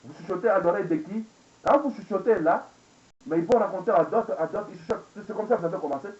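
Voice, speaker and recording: A man's voice: sits high, fast, a little mellow. A man in his forties delivering an angry, rambling monologue full of repeated phrases and rhetorical questions, recorded on a webcam indoors. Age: 40s. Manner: angry, repetitive, rhetorical questions, code-switching into English. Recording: echoey dull lo-fi webcam recording.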